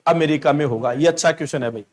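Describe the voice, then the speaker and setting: A male coaching teacher with a Rajasthani Hindi accent giving an exam-prep lecture, asking the class questions, answering them himself and repeating names slowly for dictation. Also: a little high.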